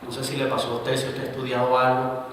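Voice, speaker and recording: A man preaching a sermon as pastor, swinging between loud emphatic bursts and quiet asides. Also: medium pitch, completely flat delivery, fast talker, a little hiss or hum. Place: church hall. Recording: roomy, reverberant church recording from a distance.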